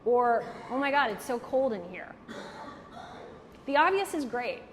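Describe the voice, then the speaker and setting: Speaking at a measured pace in a fairly high voice, a woman delivers a casual networking talk to a live audience and takes their questions. Her style is candid, playful and animated, with frequent "like." The sound carries hall reverb and faint background noise.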